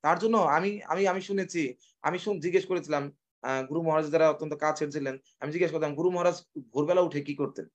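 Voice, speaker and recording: A man giving a devotional sermon, asking questions and answering them himself, and slipping into slow chants and recited verses. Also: fairly high pitch, muffled recording. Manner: asks and answers his own questions. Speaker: preacher.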